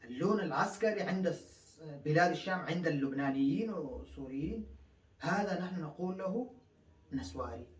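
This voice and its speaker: A man's voice: a little high, lively intonation, distant mic. Man teaching in an echoey room. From Afghanistan. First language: Pashto. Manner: explains slowly, with many drawn-out fillers and repetitions. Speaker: language teacher. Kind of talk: casual spoken lesson.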